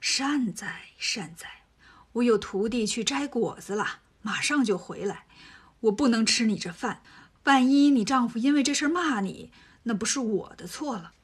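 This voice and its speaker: A woman voicing a timid, pious male monk who lectures softly, sometimes half whispering. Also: fairly high pitch, animated, moderate pace, slightly rough. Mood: gently lecturing.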